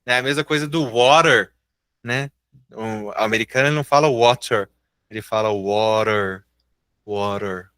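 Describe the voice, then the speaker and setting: A Brazilian man teaching English in a live online class. He speaks with a Brazilian Portuguese accent, is patient and encouraging, and draws out example words slowly. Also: medium pitch, pushed and bright, smooth, no room sound, studio quality.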